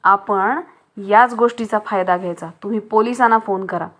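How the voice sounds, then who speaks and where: A woman's voice: mid-range voice, fairly even intonation, normal speed, a bit bright, close to an everyday voice. A woman voicing a brave young mother of two who talks firmly and scolds. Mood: defiant. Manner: firm, scolding.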